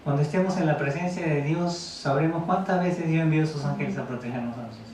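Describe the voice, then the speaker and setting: A man's voice: on the high side, fast, noisy background. Man preaching in a very echoey hall. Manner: reads Bible verses aloud, asks the congregation questions. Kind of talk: sermon. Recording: very echoey room, mic at a distance.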